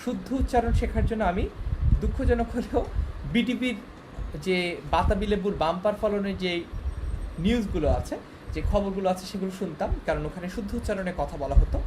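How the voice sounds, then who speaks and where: A man's voice: high voice, fairly quick, long pauses, noisy background. A young man teaching a class, explaining step by step and often checking that his students follow. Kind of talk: online class lecture.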